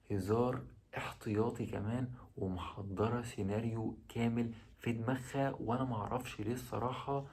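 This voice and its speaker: A man's voice: fairly low pitch, darkish tone, slightly rough. A man with an Egyptian Arabic accent giving casual dating advice straight to the viewer, asking rhetorical questions as he goes. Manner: direct, addresses the listener, rhetorical questions.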